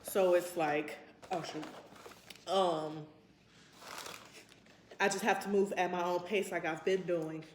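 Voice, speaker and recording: With a fairly low-pitched voice, a twenty-something woman vlogs, chatting to camera in a casual, rambling and reflective manner. Slight background noise sits in a roomy, echoey recording.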